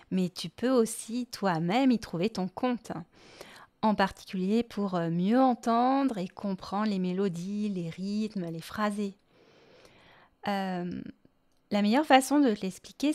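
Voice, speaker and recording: Slow-speaking French woman teaching music. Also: mid-range voice. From France. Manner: slow, gentle explaining, sings short nursery rhymes. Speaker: music teacher and podcast host. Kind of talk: podcast lesson addressed to parents.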